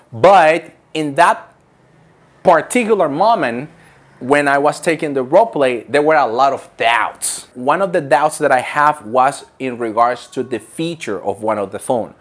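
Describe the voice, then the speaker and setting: Emphatic man teaching, higher-pitched voice. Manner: emphatic, step-by-step teaching with repetition. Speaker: call center English coach. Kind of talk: instructional talk to viewers.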